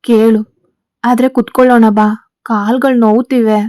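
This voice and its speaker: Cocky male gang boss read by a woman, arrogant and teasing, fairly high voice, mellow tone, dry close sound, storytelling. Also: flat delivery, normal speed, no echo, close to an everyday voice.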